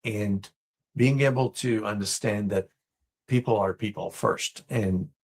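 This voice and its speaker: Male guest from Israel, lowish husky voice, unhurried and reflective. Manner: thoughtful, measured, with many fillers. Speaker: business guest. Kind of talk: conversational interview answers.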